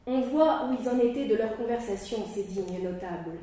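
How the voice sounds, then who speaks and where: A woman's voice: medium pitch, slight background noise. Woman reading a story in an echoey room. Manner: measured, expressive storytelling with a stumble. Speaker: audiobook reader. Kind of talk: reading a classic novel aloud. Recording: echoey room, mic far off.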